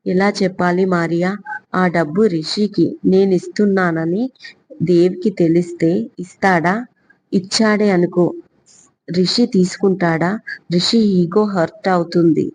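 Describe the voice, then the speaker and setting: A woman voicing a tearful, innocent young wife in an audio story, speaking in halting, sobbing bursts. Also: lowish voice, fairly even intonation, a little mellow, a little hiss or hum, close to an everyday voice, low-quality recording.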